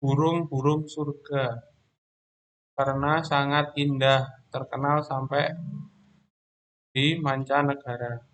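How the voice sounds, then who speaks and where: A man teaching a primary school class online, explaining slowly and patiently, often pausing on "ya" and "terus". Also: medium pitch, flat delivery, a bit bright.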